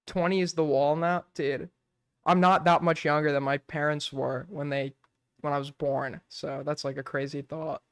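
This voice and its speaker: A man in his twenties, his voice a little high and clean-toned, talks at a moderate pace with flat delivery and no room sound. He's chatting casually on a late-night stream, rambling, swearing a lot and filling his speech with "like".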